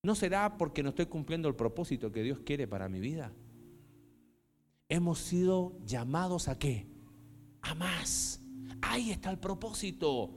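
High-voiced preacher in a hall. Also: male voice, sing-song, unhurried, long pauses, soft background music. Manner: swings from hushed to loud impassioned preaching. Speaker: pastor. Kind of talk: sermon. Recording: long hall reverb.

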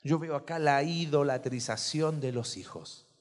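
A pastor with a fairly high voice preaches at a measured pace in a church, the sound carrying a big-room quality. His sermon is chatty and conversational, full of questions put to the congregation.

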